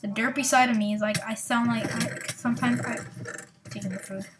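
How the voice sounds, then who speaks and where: Into her desktop mic, this gaming channel host rambles through excitable, self-deprecating let's-play commentary. She sounds a little high and brisk, with heavy background noise behind her.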